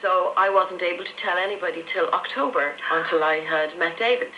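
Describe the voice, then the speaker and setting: This Irish woman, in her fifties, speaks a little quickly in a lowish voice, recounting her life conversationally as an interview guest. The lo-fi audio comes through noisy shortwave reception with faint radio static.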